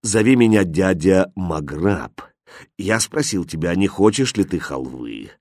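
A man voicing a sly, sinister older male sorcerer who poses as a kindly uncle, speaking low, soft and stern in a storybook reading. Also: lively intonation, a little slow, no room sound, studio quality, heavily acted. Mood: coaxing.

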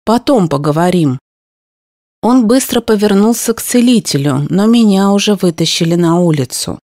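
A woman reading a first-person story aloud in a steady, even narration style. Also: mid-range voice, normal speed, dry recording, clean studio sound. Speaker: audiobook narrator.

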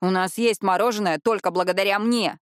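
A woman's voice: mid-range voice, brisk, no echo, lightly acted. A whiny young man who yelps and protests in a raised voice, as a woman reader puts him on. He sounds petulant and defensive. The audiobook recording is dry and close. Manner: whining, yelping.

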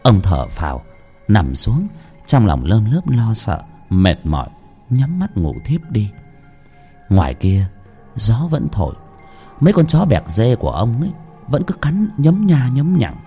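A man's voice: lowish voice, wildly swooping pitch, a little slow, mellow, breathy edge, soft background music. A man narrating a horror story with dramatic delivery.

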